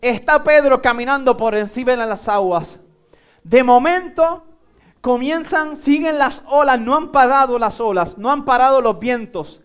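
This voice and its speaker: High-voiced pastor, slow and smooth. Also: male voice. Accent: Puerto Rican Spanish. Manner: animated storytelling, acting out a Bible scene with volunteers. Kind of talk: sermon.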